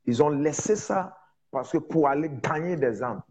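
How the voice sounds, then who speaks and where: Male evangelist, non-native French speaker with foreign accent; mellow, emphatic and repetitive delivery, dull recording. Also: fairly high pitch, expressive, slight background noise. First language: not French, speaks it as a second language. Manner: emphatic repetition, halting word searches. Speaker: preacher, prophet. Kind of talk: informal evangelistic teaching.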